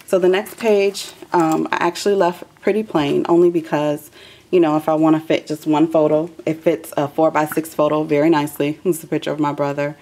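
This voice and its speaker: A woman's voice: low-pitched, little pitch movement, fairly quick, a little mellow. A woman hosting a craft video, chatting loosely with many ums as she shows her work at a table. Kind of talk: casual craft walkthrough.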